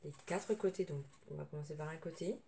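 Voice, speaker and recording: A woman hosting a casual sewing tutorial, her voice thick and odd from tonsillitis, hesitant and often clearing her throat, recorded on a camera without a separate microphone. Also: low-pitched, fairly quick, dark tone. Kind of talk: casual spoken craft tutorial. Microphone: camera's built-in microphone at a distance. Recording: noisy room sound without microphone.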